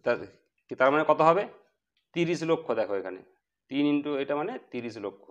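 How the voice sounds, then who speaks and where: A man's voice: fairly high pitch, lively intonation, brisk, lo-fi sound. Man teaching math, quizzing the class. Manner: asks the class questions then answers them himself. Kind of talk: explaining math to students.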